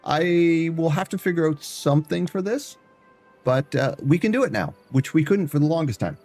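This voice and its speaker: A man's voice: fairly high pitch, expressive, normal speed, a little mellow, soft background music. A man streaming live, chatting loosely through gameplay and often stumbling over and repeating his words.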